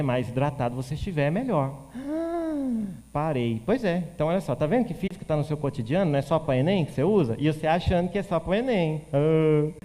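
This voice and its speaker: A man from teaching physics for exam prep, animated, answering questions he voices himself for a student. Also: a little high, in a large hall. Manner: animated, plays the student asking questions in a shifted voice.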